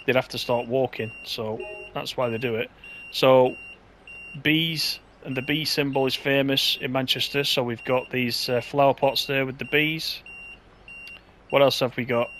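A man's voice: medium pitch, fairly even intonation, a little slow, a bit bright, a little hiss or hum. A man giving casual, chatty gameplay commentary as he drives a train, thinking aloud in an easygoing way.

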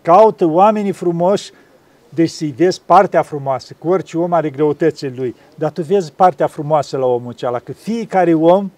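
A man, an abbot, talking gently about faith and acting out little dialogues as he tells stories. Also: on the high side, dry recording. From Romania. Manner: gentle storytelling, acts out dialogues. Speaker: monk and abbot. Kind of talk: spiritual conversation.

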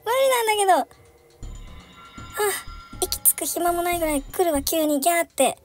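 A woman's voice: extremely high pitch, animated, brisk, faint music behind. A young woman commentating a horror chase game, giggling often and shrieking when chased. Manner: giggly, frequent laughter, shrieks in panic. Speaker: game streamer. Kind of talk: let's-play commentary.

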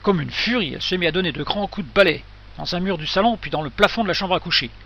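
A man's voice: sits high, quick pace, gravelly, pushed and bright. A man narrating a short story as an audiobook, reading steadily and expressively.

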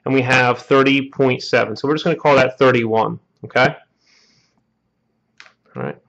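Tradesman, mid-pitch, teaching a repair at a bench, dull lo-fi camera sound. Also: fairly even intonation, moderate pace, creaky, fairly bright tone. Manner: explanatory, peppers lines with "all right?" and "okay?". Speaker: HVAC technician. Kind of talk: hands-on repair tutorial.

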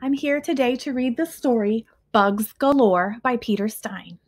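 This is a picture-book reading for children by a young adult teacher, captured in a small living room at home. She speaks in a fairly high voice, very slowly, giving each brief phrase a pause and distinct emphasis in expressive storytime style.

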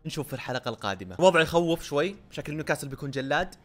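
A man with a Gulf Arabic accent giving excited, chatty commentary on a football video game and scolding the players on screen. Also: on the high side, rapid-fire. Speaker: gaming YouTuber.

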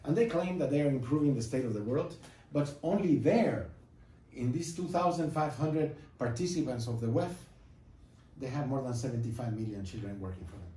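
A middle-aged man from Guatemala giving an emphatic classroom lecture with slides, pausing and repeating lines for effect. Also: mid-range voice, warm tone, a little hiss or hum. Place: classroom with projector screen, indoors. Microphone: far camera, no mic seen. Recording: echoey classroom from far off.

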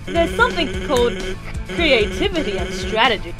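Woman as a cheeky, lively skeleton hero, highish voice. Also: normal speed. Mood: confident, reassuring. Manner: casual, teasing, animated. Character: playful, confident skeleton artist guardian, cheeky but caring. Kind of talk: animated fan dub acting. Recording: music behind the voice.

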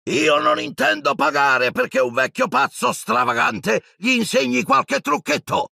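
A man voicing a blustering, stout middle-aged uncle who sputters indignantly in a shrill, raised voice. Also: big pitch swings, moderate pace, gravelly, fairly bright tone, slightly rough, dry recording, studio quality, full character voice. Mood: shrieking.

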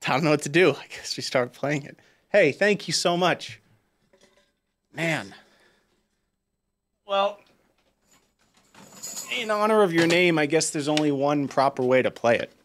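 A man on a piano livestream whose voice sits a little higher than most men's. He reacts with excited, incredulous exclamations and chats casually to his viewers. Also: measured pace, long pauses, a little hiss or hum. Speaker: livestreaming pianist. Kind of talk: live-stream reaction chat.

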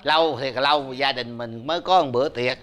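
A man's voice: medium pitch, a little fast, crowd noise. An actor in a sitcom playing a father-in-law who grumbles and scolds irritably. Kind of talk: sitcom acting.

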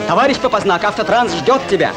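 High, animated officious transport boss. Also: male voice, fast talker, music in the background. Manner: commanding, pedantic, rule-quoting. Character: officious, strict comrade in charge of village transport. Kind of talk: comedy-drama film acting.

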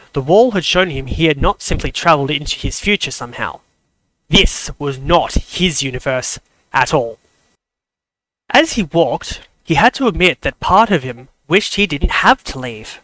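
A man narrates a fan-made story in a steady, measured reading voice. His pitch sits slightly high. The recording is close and dry. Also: no room sound, low-quality recording.

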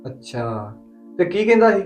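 A man's voice: sits high, very animated, moderate pace, a little mellow, lo-fi sound, soft background music. A man with a Punjabi accent playing a stubborn husband speaking over the phone in a family drama, grumbling.

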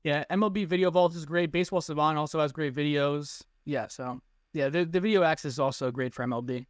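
A man's voice: a little high, fast, dry recording, clean studio sound. A teenage boy answering interview questions over a video call, rambling and filling his sentences with "like". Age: teens. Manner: rambling, lots of "like". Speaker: guest, baseball analytics tweeter. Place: small room indoors. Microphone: webcam on a video call.

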